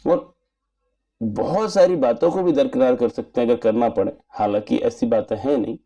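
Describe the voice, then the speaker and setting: A man giving an earnest, measured spoken movie review in formal wording. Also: a little high, dark tone. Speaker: film reviewer.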